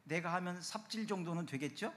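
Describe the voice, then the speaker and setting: A middle-aged man preaching a sermon as pastor, with emphatic, sudden loud rises. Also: sits high, fairly quick. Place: church sanctuary. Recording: long church hall reverb.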